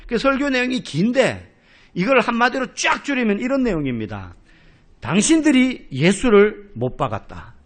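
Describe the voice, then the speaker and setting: A male pastor preaching an expository sermon in a church, telling stories in an animated way and acting out quoted speech. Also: very high-pitched. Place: church sanctuary.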